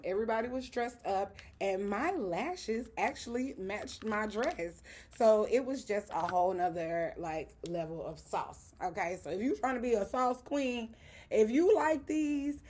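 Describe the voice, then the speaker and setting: Brief: young Southern-accented woman, vlog host, playful and sassy, mid pitch. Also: darkish tone, slight background noise. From Southern United States. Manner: chatty, playful, sassy asides. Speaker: dance educator and channel host. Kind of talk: casual tutorial vlog.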